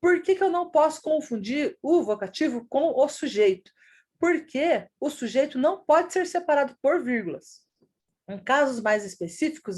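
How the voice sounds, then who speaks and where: High-voiced woman teaching grammar. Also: darkish tone. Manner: explains patiently with rhetorical questions and "né?". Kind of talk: recorded grammar lesson.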